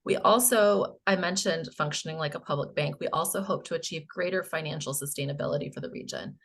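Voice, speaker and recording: An American woman with a hoarse, croaky voice, giving a public presentation to a board. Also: deep voice, brisk, fairly bright tone. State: hoarse, coughing. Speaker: presenter, housing finance agency staff.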